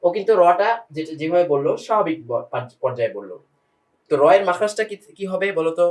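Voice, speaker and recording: A man's voice: on the high side, sing-song, fast talker, far from the mic, poor audio. A man teaching Quran pronunciation one-on-one, patiently demonstrating single sounds and quizzing his student.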